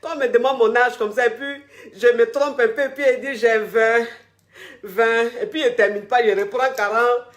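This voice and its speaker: His voice is very high-pitched and a bit bright, with fairly even intonation at a normal speed. A relationship coach in his 40s, he chats casually on a live stream to followers, effusive and repetitive, hanging a filler word on many sentences.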